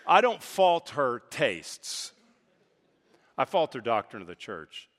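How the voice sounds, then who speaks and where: A man from Texas delivers a sermon in a church sanctuary, his mid-pitched voice rising into emphatic declarations and dropping to quiet, conversational asides. The sound carries a long reverberation from the large hall around him. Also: very animated, slow. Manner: preaching with emphatic swings in pitch and volume. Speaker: pastor.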